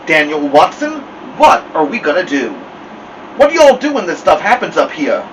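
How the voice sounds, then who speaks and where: A man's voice: on the high side, big pitch swings, normal speed, a bit bright, far from the mic, a little hiss or hum, pitched above the performer's own voice, poor audio. A worried mother with a Southern US accent speaks tenderly and anxiously, as a man reading aloud puts her on. Her voice sits a little raised and moves freely. The mic is set back, and an air conditioner hums throughout.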